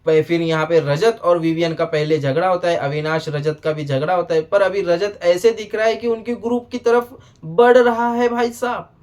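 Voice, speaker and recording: A man giving a casual, animated video review, often addressing the show directly. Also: high voice, normal speed.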